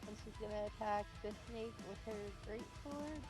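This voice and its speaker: A woman's voice: medium pitch, normal speed. A woman playing a tabletop game, steadily describing her character's actions in third person. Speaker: player. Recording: music playing behind.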